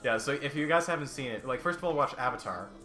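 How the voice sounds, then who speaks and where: A young man casually chatting while playing a video game, swearing loudly when he fails. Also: mid-range voice, expressive, fast, soft background music. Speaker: let's play gamer. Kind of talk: casual gaming chat.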